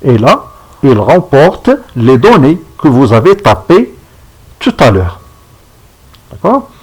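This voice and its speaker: A man giving a step-by-step software tutorial, checking in with his viewers as he goes. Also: mid-range voice, big pitch swings, slightly rough, low-quality recording. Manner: slow, step-by-step, checks in with "d'accord?". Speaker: instructor. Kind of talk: screen-recorded software tutorial.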